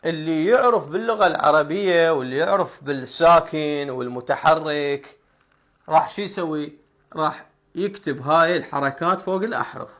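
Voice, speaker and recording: A young man with an Iraqi Arabic accent teaches the meter of folk poetry, reciting verse lines slowly, syllable by syllable. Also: a little high, a bit bright. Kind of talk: spoken lesson on poetic meter.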